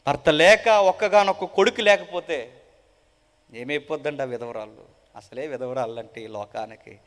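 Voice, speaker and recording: A man preaching a dramatic gospel sermon with a Telugu-speaking South Indian accent, swinging between loud proclaiming and hushed, mournful tones and asking the crowd repeated rhetorical questions. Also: high voice. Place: large gospel meeting hall. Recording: long hall reverb.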